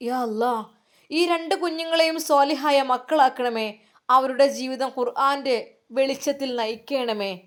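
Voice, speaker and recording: A woman doing a gentle pious man, soft prayerful voice, high pitch, storybook. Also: fairly even intonation, measured pace. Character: gentle pious middle-aged male religious teacher.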